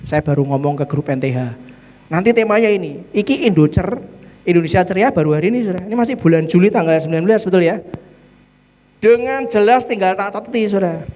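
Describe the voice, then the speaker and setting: Male pastor, Javanese accent, high-pitched and animated sermon delivery with call-and-response. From Central Java. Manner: acts out dialogue with shifting voices.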